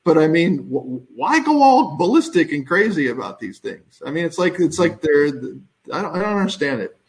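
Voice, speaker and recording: A man with a notably high voice co-hosts a casual live stream. He rambles in an amused, chatty way. His talk drifts as he reacts to viewers. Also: a little mellow.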